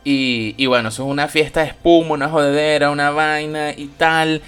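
A man's voice: fairly high pitch, fairly even intonation, a little fast, fairly bright tone, smooth. A man with a Venezuelan accent hosting a podcast, chatting casually about a film in a rambling, slangy and profane way. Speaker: podcast host reviewing a film. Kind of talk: casual chat.

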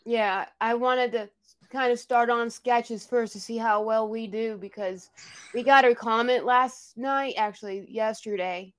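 Female podcast co-host, stuffy sinuses, hesitant, smooth higher voice, dry. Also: fairly even intonation, unhurried, no room sound. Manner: rambling, hesitant. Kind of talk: casual chat.

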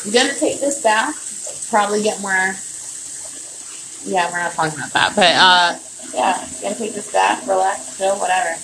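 A woman's voice: medium pitch, pushed and bright. A young woman hosting her own podcast, rambling casually and swearing freely, a bit tipsy, recorded at home by the bath. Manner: loose and profane, slightly tipsy. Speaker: podcast host. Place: at home near a bathtub. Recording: noisy home recording with running water.

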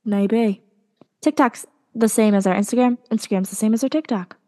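A woman's voice: on the high side, normal speed, dark tone. Young woman, podcast co-host, casual chat, hesitant with ums. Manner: chatty, hesitant with many ums.

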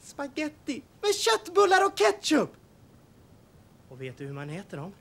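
A woman playing a tiny boy in a golden house in a film, coaxing and sing-song with sudden shouts. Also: high voice, wildly swooping pitch, gravelly, exaggerated voice.

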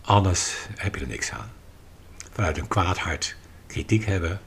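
A man's voice: sits low, lively intonation, a little slow, gravelly, a bit bright, slight background noise. A man talking on a podcast, explaining his views with emphasis and acting out little quoted dialogues. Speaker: podcast guest and writer. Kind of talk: conversational podcast talk.

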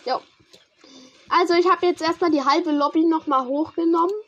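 Excitable high-voiced young woman gamer. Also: moderate pace, dull audio. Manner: excitable, slangy, talks to a teammate while playing. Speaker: gamer streamer. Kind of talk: casual gaming commentary.

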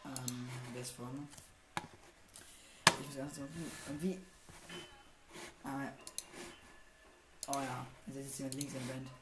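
A man commentating his way through a horror game, muttering to himself and swearing under his breath when things go wrong. His voice sits at an ordinary pitch and rings around an echoey room. A steady hiss of noise and mouse clicks sit behind him. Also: slow, pauses often. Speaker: gamer playing a horror game. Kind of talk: casual let's-play commentary.

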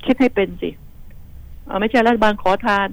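A woman's voice: fairly high pitch, brisk, dry recording, low-quality recording. Outspoken woman radio news commentator. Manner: outspoken, indignant, rambling with many repeats. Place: radio studio.

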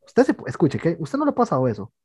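Un joven tico cuenta anécdotas a sus amigos con energía, subiendo y bajando la voz sin parar. Su tono es algo áspero y más bien agudo. Suena cercano y seco, sin eco de sala. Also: male voice, fairly high pitch, fast, husky, no room sound, clean studio sound. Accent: Costa Rican. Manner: animated storytelling, says "mae" constantly. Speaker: podcast co-host. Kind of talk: casual chat among friends.

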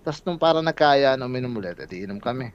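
A man's voice: mid-range voice, animated, quick pace, clear, resonant tone, dry recording. A young man telling a story in casual chat, swearing and laughing along the way. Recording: dull lo-fi sound.

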